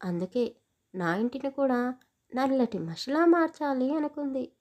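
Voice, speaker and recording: A woman's voice: high-pitched, expressive, a little slow, darkish tone. A woman voicing a stern, angry young village man who scolds harshly in a storybook.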